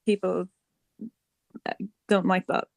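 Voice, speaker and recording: A woman's voice: fairly low pitch, little pitch movement, slow pace, vocal fry, dry recording. A woman with an Irish accent chatting fluently in a casual interview as a band member.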